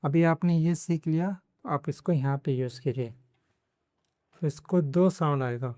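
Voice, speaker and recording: Slow, deliberate Hindi-speaking language teacher. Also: male voice, a little high, dark tone, dry recording, clean studio sound. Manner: slow, repeats example words several times. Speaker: Spanish teacher.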